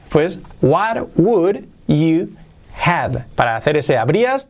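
Lively teacher repeating phrases. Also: male voice, medium pitch. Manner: repeats English phrases slowly, explains quickly. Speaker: English teacher. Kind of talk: grammar lesson.

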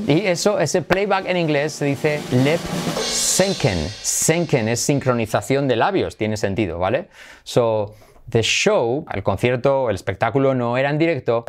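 A middle-aged man from Spain with a Spanish accent, hosting a playful online English lesson and jumping high in pitch for emphasis. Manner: lively, playful, swings high for emphasis and laughs. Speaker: English teacher, channel host.

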